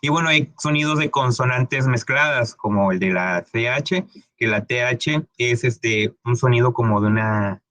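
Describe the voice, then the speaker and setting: A man's voice: on the low side, fairly bright tone, dry recording. A man giving a casual English pronunciation lesson, often checking in with "¿ok?" and stretching out sounds to demonstrate them. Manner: conversational, often asks "¿ok?"; many fillers and restarts, stretches words to demonstrate sounds. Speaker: English teacher.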